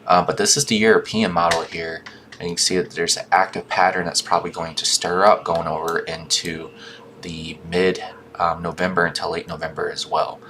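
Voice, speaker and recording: A man with a low, bright, forceful voice delivers an informal weather update. His mouth and gums are swollen, so he labors over longer words and restarts them. There is faint noise behind him. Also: little pitch movement, brisk. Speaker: weather forecaster.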